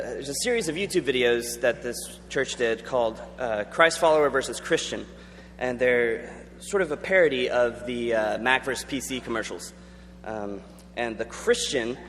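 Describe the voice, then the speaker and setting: A man's voice: medium pitch, fairly bright tone. A young man giving an earnest, conversational chapel talk with frequent ums. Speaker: student chapel speaker. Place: large chapel auditorium. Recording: long hall reverb, faint hum.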